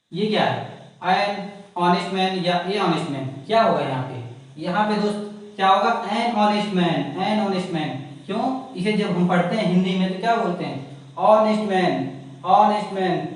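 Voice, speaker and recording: A man teaching English grammar in a classroom lesson, repeating points and asking questions. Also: high-pitched. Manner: repetitive, asks the class questions. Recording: echoey room, mic far off.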